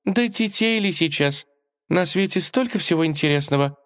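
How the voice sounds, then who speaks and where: A man's voice: normal speed, no room sound, clean studio sound. A man voicing a dreamy bored princess. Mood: sulky. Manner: high, excitable, sing-song. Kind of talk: audiobook character voice.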